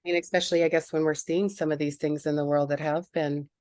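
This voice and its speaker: Hesitant low-voiced woman host, dry sound. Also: little pitch movement, fast, darkish tone, dry recording. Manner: hesitant, searching for words with many fillers. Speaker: interview host. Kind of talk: casual interview chat.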